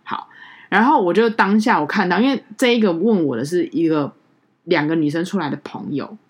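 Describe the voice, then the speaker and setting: A woman co-hosting a podcast in casual chat, telling a story in an animated way and acting out what others said. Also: lowish voice, fairly quick, husky. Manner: animated storyteller, acts out quoted people. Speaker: podcast co-host.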